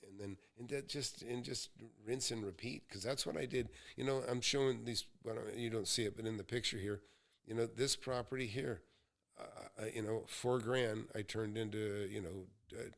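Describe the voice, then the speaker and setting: Folksy and rambling, a US man in his sixties tells stories while offering real estate advice at a live Q&A he hosts. His voice sits on the low side, creaky but fairly bright.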